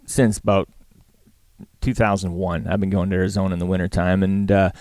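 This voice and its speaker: A middle-aged man with a Western Canadian accent talks in a low, smooth voice with little melodic movement. He is folksy and plain-spoken, chatting casually as an interview guest. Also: level tone, brisk, darkish tone, no room sound, studio quality. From Alberta, Canada. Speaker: guest, livestock auctioneer and former calf roper.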